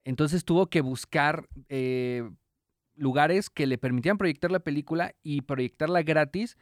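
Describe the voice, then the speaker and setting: A man's voice: fairly high pitch, a little slow, dry recording, clean studio sound. A man with a Mexican Spanish accent on a casual comedy podcast, wry and explaining things with many fillers. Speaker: podcast co-host.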